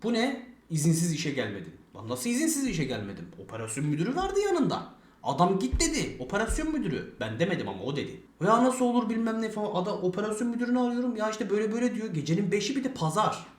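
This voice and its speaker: Fast-talking swearing man, echoey room. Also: sits high, huge pitch swings. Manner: fast, rambling, swears a lot, acts out quoted dialogue. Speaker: streamer telling a story. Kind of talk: casual storytelling with heavy swearing.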